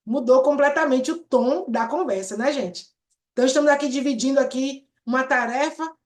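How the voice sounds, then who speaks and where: High-voiced woman leading a group session. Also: normal speed, reverberant. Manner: chatty and warm-hearted, addresses the group often as "gente", acts out example dialogues. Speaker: group therapy facilitator. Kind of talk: live online group session teaching. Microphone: video call.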